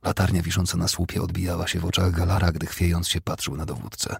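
A man narrating an audiobook with a very deep, gravelly and husky voice, reading in a steady, measured way. The recording is dry and close to the mic. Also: no echo.

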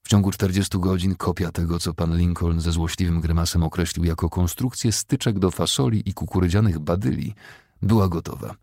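A man narrates an audiobook in a very deep, gravelly, husky voice, reading steadily and at a measured pace. The recording is dry and close-miked, with no room sound.

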